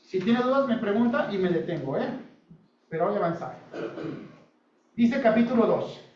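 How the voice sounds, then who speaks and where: High-voiced man teaching the Bible. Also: very animated, moderate pace, darkish tone. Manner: folksy, uses homely examples and asks the group questions. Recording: echoey room, distant dull mic.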